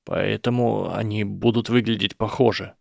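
A man voicing a proud boy wizard who is furious and shaken, shouting with his voice breaking from rage. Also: on the low side, steady tone, moderate pace, vocal fry, no room sound, studio quality. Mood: trembling anger. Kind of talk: audiobook character voice.

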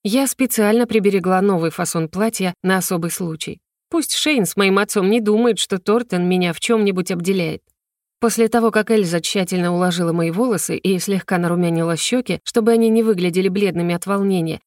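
A woman reading a first-person fantasy novel aloud in an even, measured way. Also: mid-range voice, no echo, studio quality. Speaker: audiobook narrator.

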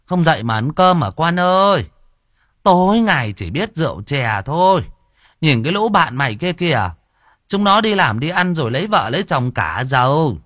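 Male narrator doing a high-pitched nagging mother, scolding and fretful, storybook audio. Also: big pitch swings, moderate pace, fairly bright tone, dry recording, clean studio sound. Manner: scolding, fussing. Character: nagging middle-aged village mother, shrill.

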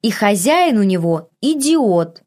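A woman's voice: mid-range voice, big pitch swings, takes it slowly, darkish tone. A woman as irritable young heroine, sarcastic, snappy retorts.

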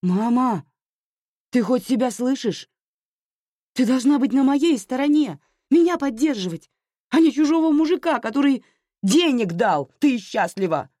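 A woman reading a story aloud, voicing an exhausted young mother who pleads and then shouts in distress. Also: on the low side, animated, moderate pace, long pauses, no echo, studio quality, voice pushed up. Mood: shouting.

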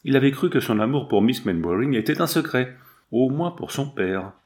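A man's voice: medium pitch, animated, normal speed, darkish tone. A man reading a novel aloud as scripted narration, changing his voice for emphasis and for the characters. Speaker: audiobook reader.

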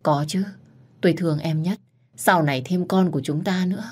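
A woman's voice: lowish voice, fairly even intonation, a little fast, breathy edge. A woman voicing a devoted young husband who is tender and possessively jealous of his wife. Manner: earnest, possessive.

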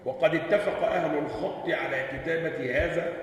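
A man's voice: a little high, moderate pace, a little hiss or hum. A man with an Egyptian Arabic accent, a sheikh teaching a class. He reads a text aloud and explains it, keeps checking in with rhetorical questions, and spells out words letter by letter. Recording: echoey hall, voice from far off.

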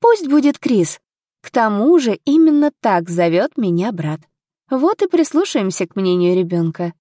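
A woman's voice: mid-range voice, big pitch swings, moderate pace, warm tone, dry recording, studio quality. A woman reading an audiobook, voicing a determined, polite young noblewoman of twenty in a raised, earnest voice.

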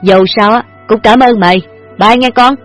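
A woman's voice: a little high, moderate pace, faint music behind, close to an everyday voice. A woman narrator voicing a scheming older father who gambles and owes money. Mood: gleeful.

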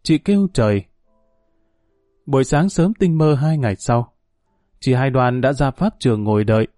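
A man narrating a story aloud in a measured, grave reading. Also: mid-range voice, warm tone, no room sound, clean studio sound, soft background music.

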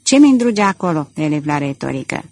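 A woman reading an audiobook, voicing a curt, distrustful male magistrate with a husky voice. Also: low voice, big pitch swings, a little mellow, no room sound, pitched below the performer's own voice, heavily acted. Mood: stern. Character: gruff suspicious male magistrate, curt and stern.

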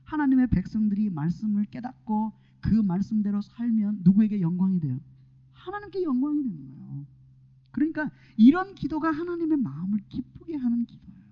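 Animated preacher with hushed asides. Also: male voice, high-pitched, brisk, gravelly. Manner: swinging from hushed whispers to loud exclamations, asking the congregation questions. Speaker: pastor. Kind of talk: sermon. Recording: dull lo-fi sermon recording.

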